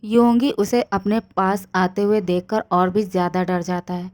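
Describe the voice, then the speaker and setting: Lady reading out a fanfic story, mellow warm voice, steady pace. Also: mid-range voice, a little slow. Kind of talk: fan fiction story narration.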